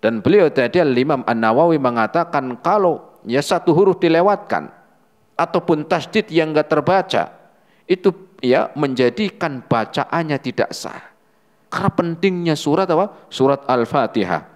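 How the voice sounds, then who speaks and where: A man's voice: on the high side, animated, moderate pace. A man teaching Quran recitation as an Islamic teacher, patient and repetitive, asking the class rhetorical questions. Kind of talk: religious lesson on Quran recitation. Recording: long hall reverb.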